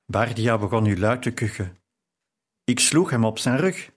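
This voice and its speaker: Measured male audiobook narrator. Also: lowish voice, expressive. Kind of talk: scripted first-person narration.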